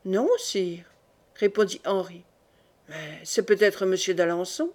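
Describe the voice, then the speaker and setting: A woman voicing a proud, quick-witted young king of Navarre who answers with smooth innocence and firm pride, in an audiobook. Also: lowish voice, steady tone, a little mellow. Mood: composed.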